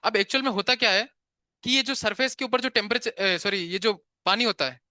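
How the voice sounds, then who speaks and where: A man teaching physics to a live class, chatty and quick to tell students to stop talking and pay attention, mixing English terms into his Hindi and asking questions he answers himself. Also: sits high, sharp tone, no room sound, clean studio sound.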